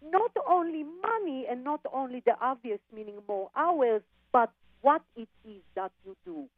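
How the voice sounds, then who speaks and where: A woman's voice: high-pitched, lively intonation, no room sound. Psychic woman on a tinny phone line. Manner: calls people darling and honey, halting with fillers. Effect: phone line into a radio show. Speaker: psychic medium guest on a radio show.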